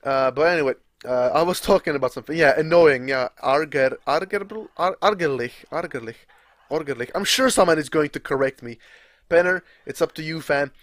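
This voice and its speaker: Rambling through live gameplay commentary, this young man, a gaming video creator whose native language is Czech, swears freely and laughs at himself. His fairly high, fairly bright voice moves at a fairly quick clip, captured dry and at studio quality.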